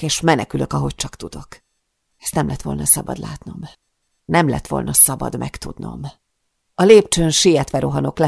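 A woman's voice: sits low, creaky, darkish tone, breathy edge, no room sound, studio quality. A woman narrating a first-person audiobook in a dramatic, breathless manner.

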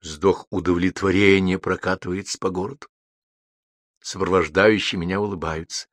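A man's voice: deep voice, little pitch movement, normal speed, dry recording, studio quality. A man narrating a literary story expressively, with a rhythmic, repetitive telling. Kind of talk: literary reading.

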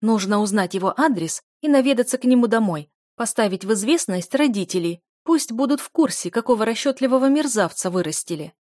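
Shrill, sobbing audiobook duchess read by a woman, high and loud, dry close sound. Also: lively intonation, brisk, hardly any pauses, no echo. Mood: indignant. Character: hysterical tearful noble duchess, middle-aged woman.

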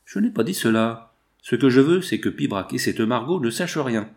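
A man's voice: mid-range voice, expressive, moderate pace, gravelly, darkish tone. A man voicing a terse, brooding young male country squire in an audiobook. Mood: tense.

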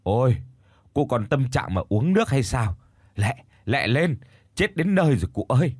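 A man voicing a bustling old village woman who shouts urgently to a half-deaf neighbor. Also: medium pitch, animated, no echo, studio quality, close to an everyday voice. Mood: urgent, shouting. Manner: shouting slowly into a deaf ear. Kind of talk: storytelling.

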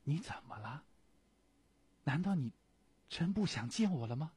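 A man voicing an anxious elderly woman visiting a prison, asking pleading, tearful questions in a husky voice. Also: fairly high pitch, very animated, a little slow, a little mellow, no room sound, full character voice.

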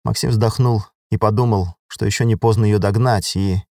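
A man narrating an audiobook in a steady, even storytelling voice. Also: fairly low pitch, moderate pace, no room sound, clean studio sound. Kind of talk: scripted narration.

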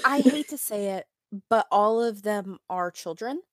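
A woman's voice: medium pitch, expressive, a little slow, no room sound, clean studio sound. A young woman co-hosting a podcast, chatting casually and chiming in with short quips and agreement. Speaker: podcast co-host. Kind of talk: casual chat recapping a cartoon episode.

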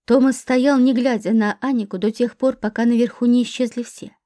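A woman reading a dramatic novel aloud as an audiobook narrator, in a steady voice. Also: on the high side, fairly quick, no room sound, clean studio sound.

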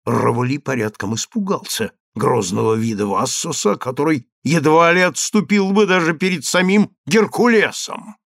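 Lively male narrator, higher voice, dry close recording. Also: moderate pace, creaky, few pauses, no echo. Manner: expressive reading, voicing each character. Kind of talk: audiobook narration.

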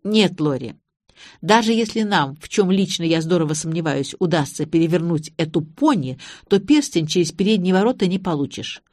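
A wry, calm professor explains things drily in an audiobook scene, voiced by a woman narrator. His tone is level and ironic. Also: lowish voice, normal speed, dry recording, clean studio sound. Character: dry ironic man, a professor.

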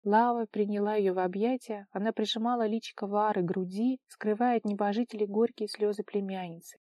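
A woman's voice: mid-range voice, steady tone, a little fast, dark tone, no echo. A woman reading an audiobook as narrator, telling the story expressively and dramatically.

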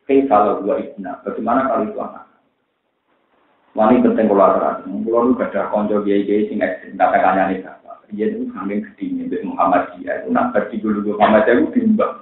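A man with a Central Javanese accent preaching a religious lecture, telling stories in a lively way that mixes jokes and pleading. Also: fairly low pitch, a little fast. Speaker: Islamic preacher. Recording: echoey, tinny lo-fi recording.

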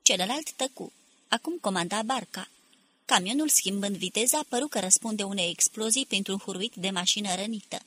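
A woman narrating a novel in a steady, measured audiobook reading. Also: mid-range voice. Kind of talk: scripted literary narration.

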